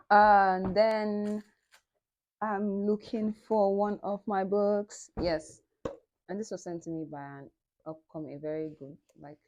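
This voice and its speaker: A young woman in her twenties with a Nigerian accent, chatting to camera as a book vlogger in a playful, boastful way. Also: dull audio. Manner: chatty, playful and boastful, jumps back and forth in pitch. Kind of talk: casual vlog chat to camera.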